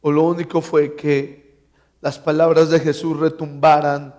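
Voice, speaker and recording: A man preaching in a church, in a fairly high voice. He takes his time and lets each phrase land slowly. He tells stories and acts out the dialogue in them, with a light sense of humor. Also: level tone, darkish tone. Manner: storytelling, acting out dialogue with humor. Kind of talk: sermon.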